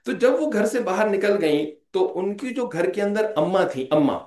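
A man's voice: high-pitched, expressive, normal speed, darkish tone. A man delivers an Islamic lecture in a slightly raised voice. He talks conversationally, slips English phrases in, and keeps checking in with his audience. The room is echoey. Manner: conversational, repeats "theek hai" as a check-in; mixes English phrases into speech. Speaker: religious lecturer.

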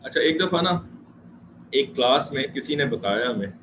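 A man's voice: medium pitch, animated. A man teaching an online religious history class, explaining step by step and checking in with his students. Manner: conversational, repeats checks with students. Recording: echoey muffled noisy room.

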